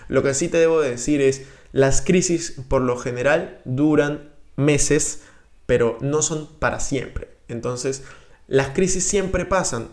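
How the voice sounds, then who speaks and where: A young man gives direct-to-camera personal finance advice, coaching the viewer with energy and hand gestures, recorded on a boom-arm studio mic in a small room. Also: darkish tone. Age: young adult. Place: small room indoors, seated on a couch. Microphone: studio mic on a boom arm in front of him.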